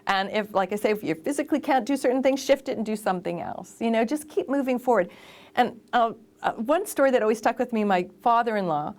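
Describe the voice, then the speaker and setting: A woman voice actor and casting director giving lively, emphatic advice in a conversational interview. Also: on the high side, quick pace.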